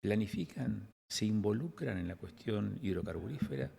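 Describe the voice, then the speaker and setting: A man's voice: on the low side, expressive, normal speed, vocal fry, dark tone, husky. A man, a news host asking long, winding interview questions.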